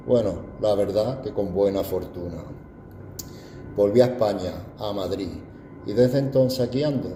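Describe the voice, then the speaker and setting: A man's voice: on the low side, unhurried, dark tone, a little hiss or hum. Older Andalusian man, proud, roomy sound. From Andalusia, Spain. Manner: proud, reflective storytelling. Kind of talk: personal testimony.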